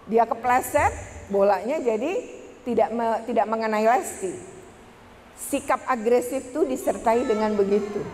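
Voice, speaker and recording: A woman speaking to a room of teachers at a workshop, lively and chatty as she addresses the audience directly. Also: on the high side, normal speed. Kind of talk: presentation to an audience. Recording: reverberant hall, faint background noise.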